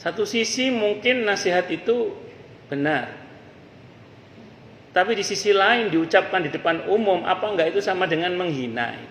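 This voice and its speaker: Gravelly man preaching. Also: sits high, animated, moderate pace, long pauses, a bit bright, a little hiss or hum. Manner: conversational, uses folk sayings and asides. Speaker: ustadz teaching a mosque study circle. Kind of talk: religious study lecture. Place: mosque hall. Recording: echoey mosque hall with faint ambience.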